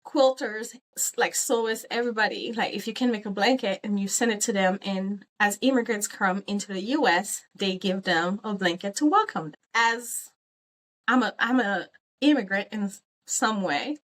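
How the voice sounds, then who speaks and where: This casual crochet vlog features a Haitian-raised woman rambling about what she wants to make next. She has a mid-range, slightly bright voice and a moderate pace, with frequent ums and some gentle jokes at her own expense.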